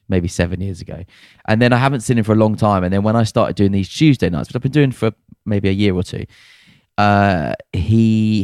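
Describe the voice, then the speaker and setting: A man's voice: on the low side, a little mellow, no echo, studio quality. Blokey British man in casual chat. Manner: blokey, self-mocking, sweary. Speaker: podcast co-host. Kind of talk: casual chat, telling anecdotes.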